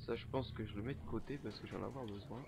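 A young man giving casual, profane commentary while playing a horror game, joking and often shouting. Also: lowish voice, rapid-fire, vocal fry, very noisy. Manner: swearing, jokey, bursts of shouting. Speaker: gameplay commentator. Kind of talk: let's play commentary.

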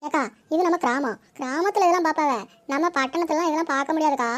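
A woman doing a quick, squeaky kind young village woman. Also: natural voice. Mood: coaxing. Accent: Tirunelveli Tamil. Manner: pleading, questioning, soft-hearted.

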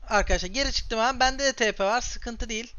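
A man in his twenties from Turkey giving excitable live commentary on his own gameplay and talking straight to his viewers. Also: very high-pitched, fast, clear, resonant tone, muffled recording. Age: 20s. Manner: excitable, talks straight to viewers while playing. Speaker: gaming streamer.

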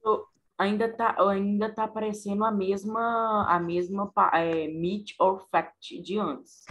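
A woman's voice: mid-range voice, fairly even intonation, slow, fairly bright tone, low-quality recording. A woman student with a Brazilian Portuguese accent giving short, hesitant replies over a video call.

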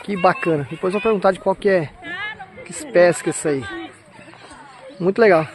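A high voice that runs a little fast belongs to a Brazilian vlogger touring a farm zoo outdoors on camera. Amid crowd and vehicle noise, he exclaims casually and directs his viewers' attention to what he sees.

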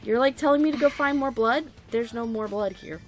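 A woman co-hosting a let's-play, yelping and swearing excitedly as she plays. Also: on the high side, brisk, faint music behind. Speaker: co-host of a let's-play show. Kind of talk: casual game commentary.

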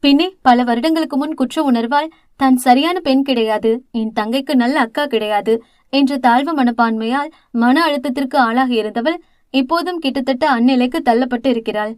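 Female audiobook narrator, expressive storytelling, high pitch, dry studio sound. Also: moderate pace, dry recording.

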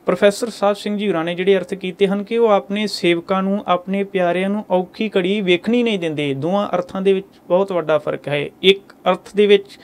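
A man giving a measured, earnest religious discourse to a congregation, explaining scripture as a preacher and reciting verses slowly with careful stress. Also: sits high, steady tone.

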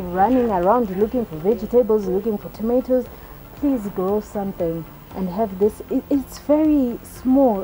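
Soft-spoken woman host outdoors. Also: mid-range voice, poor audio. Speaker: show host. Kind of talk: outdoor farm interview. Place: outdoors in a garden.

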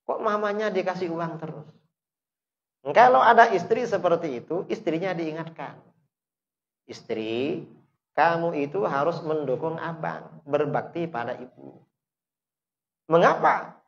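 A man preaching a sermon, asking the listeners questions and answering them himself, with emphatic bursts that rise sharply and then drop low. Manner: emphatic, rises sharply to stress points then drops low. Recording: dull lo-fi recording.

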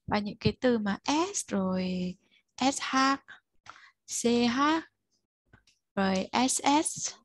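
A woman's voice: medium pitch, vocal fry, no room sound. A woman tutoring a child one-on-one, patiently explaining step by step and prompting the learner to answer. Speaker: English tutor.

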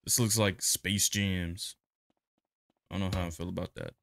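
A young man giving relaxed, slangy commentary while playing a video game. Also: low-pitched, normal speed, creaky, no echo. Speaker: gaming youtuber. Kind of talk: casual gameplay commentary.

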